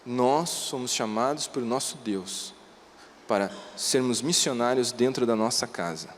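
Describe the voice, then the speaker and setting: A man preaching a sermon, telling stories in plain, animated, conversational words. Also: mid-range voice, unhurried, big-room sound, a little hiss or hum. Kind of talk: storytelling sermon. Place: church.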